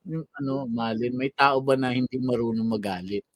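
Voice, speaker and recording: A man's voice: medium pitch, moderate pace, dry recording. A man co-hosting a talk show, joking playfully and dropping frequent agreeing murmurs. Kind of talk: casual talk show banter.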